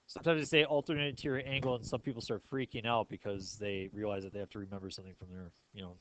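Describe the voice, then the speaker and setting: A man teaches a math lesson step by step, frequently asking questions to check that students follow. His voice is on the low side with little pitch movement, and he races through the explanation.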